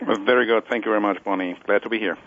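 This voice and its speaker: A man's voice: lowish voice, fairly even intonation. A man calling in as a panel guest on a radio show, talking with lots of fillers and restarts. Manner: fast, with many fillers and restarts. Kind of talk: call-in interview. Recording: dull lo-fi line.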